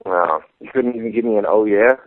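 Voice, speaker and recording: A man's voice: lowish voice, brisk, no echo, narrow, tinny audio. Chatty male wrestling radio host, dry sound. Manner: chatty, loose, swears casually. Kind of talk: casual wrestling talk radio.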